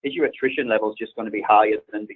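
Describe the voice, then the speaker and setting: A man with a Northern English accent gives a business webinar talk, conversational and prone to repeating himself as he works through each point. His voice is lowish and husky. The sound is thin and tinny, like a phone call. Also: very fast. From north of England. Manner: conversational, repeats words while explaining. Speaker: webinar presenter.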